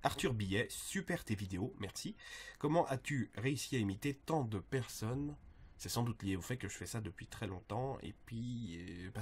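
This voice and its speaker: A man's voice: fairly low pitch, breathy edge. Young male video creator, casual Q&A, joking and loose. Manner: joking, offhand, slangy. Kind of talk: casual Q&A answering fan questions.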